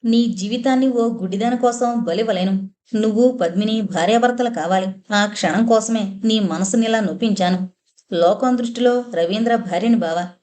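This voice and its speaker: A woman's voice: mid-range voice, darkish tone, lightly acted. A woman voicing a grieving, torn young blind woman in an audiobook novel, with a tearful, pleading delivery.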